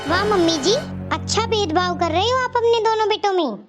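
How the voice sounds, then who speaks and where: A woman's voice: very high-pitched, normal speed, over loud music. A woman voicing a firm, outspoken young daughter-in-law in a cartoon story who insists on her rights. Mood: indignant. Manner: insistent, indignant.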